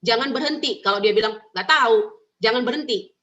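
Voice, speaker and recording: A woman giving parenting advice in an emphatic, animated way, repeating her key points. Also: fairly high pitch, a little fast. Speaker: parenting speaker. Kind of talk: advice talk answering questions. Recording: muffled lo-fi recording.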